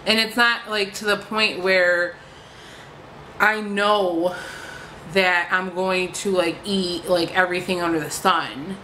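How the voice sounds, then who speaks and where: A woman's voice: on the low side, steady tone, takes it slowly, sharp tone, slight background noise, low-quality recording. A woman vlogger ranting casually to camera, frustrated, swearing freely and filling her talk with "like".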